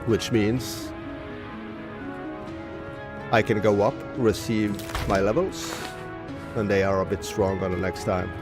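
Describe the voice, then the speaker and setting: A man's voice: on the low side, fairly even intonation, slow pace, pauses often, music in the background. A man from Norway, casually commenting on a live game stream and reading game text aloud. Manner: reads game text aloud, muses to chat.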